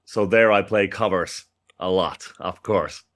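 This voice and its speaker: A musician from Finland, first language Finnish, talks in accented English as a guest in a friendly, informal interview with restarts and a few light laughs. His low voice is unhurried and a bit bright.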